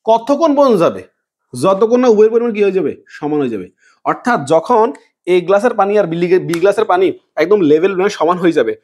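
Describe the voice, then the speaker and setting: Male chemistry teacher, fast and high-pitched, quizzes the class then answers softly himself. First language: Bengali. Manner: asks questions and answers them himself, repeating key words; drops to a low soft voice on answers. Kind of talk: classroom lecture.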